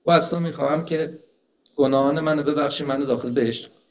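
Fearless, sharp-tongued holy fool, put on by a male preacher, slightly high voice. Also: steady tone, natural voice. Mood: bold. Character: bold, witty holy fool, adult man.

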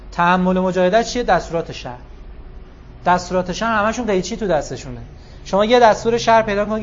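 Animated man preaching, higher voice. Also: lo-fi sound, slight background noise. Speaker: religious speaker. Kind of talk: sermon with storytelling.

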